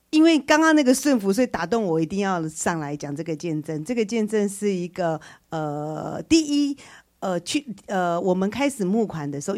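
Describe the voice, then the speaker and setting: A woman giving a church testimony as a story, acting out each person's lines, with many fillers and restarts. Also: medium pitch. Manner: lively storyteller who acts out each voice in the dialogue; many fillers and restarts, laughs while talking.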